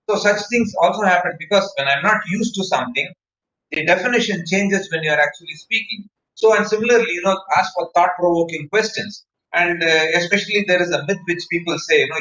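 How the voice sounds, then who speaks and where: Over a video call, a man with an Indian accent gives an online talk as a public-speaking trainer, explaining emphatically through anecdotes and repeated phrases. His slightly high voice is bright and forceful, picked up by a distant mic. The recording is muffled and echoey.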